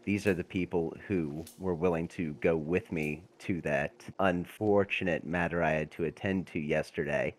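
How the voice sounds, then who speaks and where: Man playing a formal earnest adventurer, long-winded, very deep voice.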